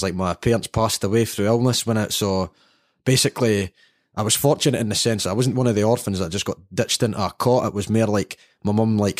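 A man's voice: on the low side, dry recording, studio quality. A man in his thirties with a Dundee Scottish accent, chatting casually as a podcast guest, rambling with lots of fillers and frequent laughs. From Ethiopia. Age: 30s. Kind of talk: casual chat.

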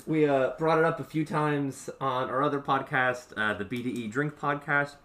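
A man's voice: mid-range voice, fairly even intonation, moderate pace, sharp tone, recorded from a distance. A man hosting a casual podcast, chatty and self-deprecating, laughing often as he talks. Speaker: podcast host. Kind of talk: casual chat.

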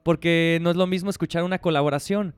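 Slangy Mexican man, smooth higher voice. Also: fairly even intonation, fast. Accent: Mexican Spanish. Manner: slangy, laughs often, playful. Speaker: podcast co-host. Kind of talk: casual chat.

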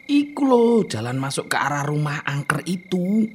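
An actor playing a bold, nosy young man, teasing and swinging from loud to soft in a radio drama. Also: fairly high pitch, very animated, normal speed, a little hiss or hum. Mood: eager.

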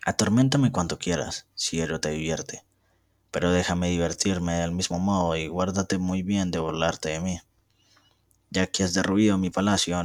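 A man's voice: low voice, no room sound, clean studio sound. A young man voicing a vengeful, brooding rogue. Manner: resentful and threatening. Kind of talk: amateur reading of a novel.

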